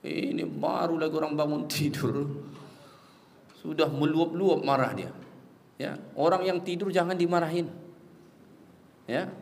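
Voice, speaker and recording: A male preacher giving a lively sermon, telling stories and quoting Arabic before explaining it. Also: creaky, in a large hall. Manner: animated storytelling, quoting Arabic then explaining; acts out quoted speakers with rising pitch. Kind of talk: Islamic sermon lecture.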